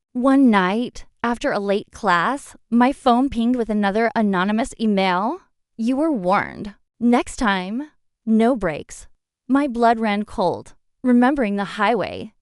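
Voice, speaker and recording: A woman narrating a dramatic first-person revenge story in an expressive storytelling manner. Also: fairly high pitch, clean tone, no room sound, clean studio sound.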